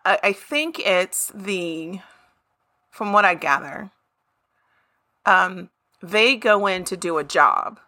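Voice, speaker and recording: Bright-voiced woman, chatty co-host. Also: lowish voice, animated. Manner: chatty, halting with fillers and restarts. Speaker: podcast co-host. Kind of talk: casual chat.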